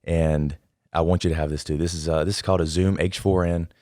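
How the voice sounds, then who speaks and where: A man hosting a casual podcast interview in a studio, energetic and encouraging, talking in quick bursts. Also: low voice, no echo. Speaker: podcast host. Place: podcast studio, in person with guest. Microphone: studio microphone.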